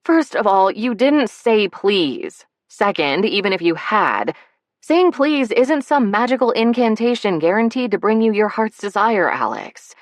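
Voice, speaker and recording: A woman's voice: mid-range voice, sing-song, measured pace, no room sound, studio quality, voice pushed up. A woman narrator voicing a flustered adult woman who answers with sardonic, exasperated wit.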